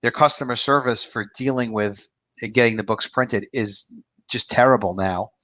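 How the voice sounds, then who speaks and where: A man's voice: mid-range voice, moderate pace, bright, forceful tone, no echo. A man in his fifties, an author and publisher, giving his opinions in a rambling, casual livestream chat with a dry close sound. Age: 50s.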